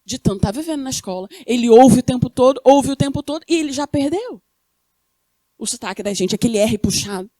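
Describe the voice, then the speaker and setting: A warm-toned, high-pitched woman with a Carioca accent from Rio de Janeiro preaches a little fast and expressively in Brazilian Portuguese. Her sermon features questions to the congregation that she answers herself. Studio quality, with no room sound.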